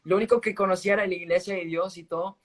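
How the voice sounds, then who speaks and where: Man, slightly raised pitch, casual spoken testimony, earnest, stop-start delivery, phone live-stream sound. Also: steady tone, a bit bright. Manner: earnest, halting storytelling with restarts. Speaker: guest sharing a faith testimony. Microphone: phone on a live video stream.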